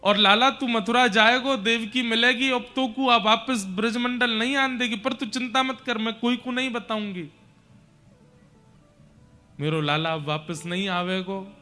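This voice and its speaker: A man's voice: extremely high pitch, a little slow, sharp tone, soft background music, pitched above the performer's own voice, heavily acted. A man playing grieving mother Yashoda in village dialect. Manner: broken, pleading in Braj dialect.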